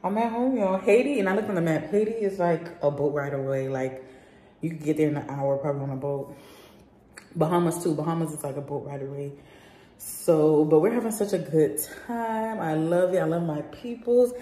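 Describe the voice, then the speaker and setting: A young woman travel vlogger chats casually in slangy, informal speech, her voice low and mellow at a moderate pace. She films herself indoors in villa rooms, holding the phone at arm's length, and the handheld audio is noisy.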